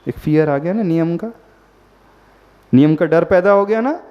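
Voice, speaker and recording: A Jain monk delivers a sermon to a gathered audience in a fairly high, smooth, expressive voice, speaking a little slowly. He often puts questions to his listeners and mixes in English words. The recording has a long hall reverb and a dull, lo-fi sound.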